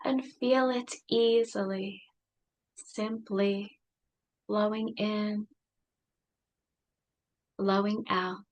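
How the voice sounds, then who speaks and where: A woman leading a guided meditation, speaking softly and soothingly with long pauses. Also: mid-range voice, steady tone.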